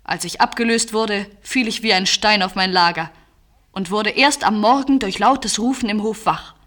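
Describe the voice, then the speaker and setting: A woman giving scripted first-person narration of an adventure story in a measured, vivid manner. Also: mid-range voice, fairly bright tone.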